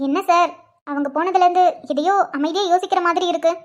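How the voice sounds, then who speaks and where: A woman's voice: very high voice, fairly even intonation, lo-fi sound. A woman voicing a dutiful female police constable in a cartoon who reports to her superior respectfully. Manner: respectful, brisk and informative.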